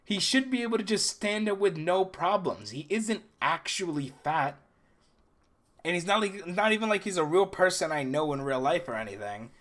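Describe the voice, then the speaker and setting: A young man recounting things in a casual first-person storytelling style, animated and acting out the dialogue as he goes. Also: sits high, moderate pace. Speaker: video creator recounting dreams.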